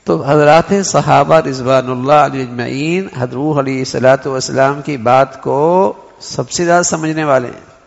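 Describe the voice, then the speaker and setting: A man's voice: medium pitch, creaky. A man giving an Islamic sermon, explaining his point by acting out one sentence in different tones. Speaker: preacher. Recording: dull recording in a long-reverb hall.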